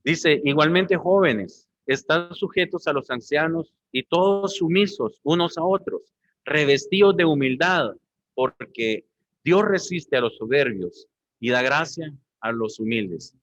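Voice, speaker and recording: A man's voice: on the high side, animated, measured pace, fairly bright tone, no room sound, lo-fi sound. A man preaching a sermon as pastor, often calling his listeners brothers. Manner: preaching, addressing the congregation as brothers.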